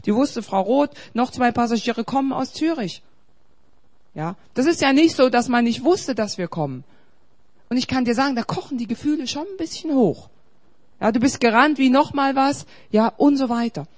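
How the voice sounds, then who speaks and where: A woman pastor preaching a sermon, swinging between loud, urgent exhortation and quiet, confiding storytelling. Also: high-pitched, lively intonation, moderate pace.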